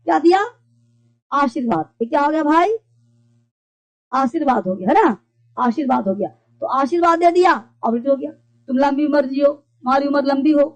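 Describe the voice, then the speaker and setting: A woman teaching an online English class. She repeats key points, reads English examples slowly and keeps checking that students follow. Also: high voice, low-quality recording. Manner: repetitive, keeps checking understanding.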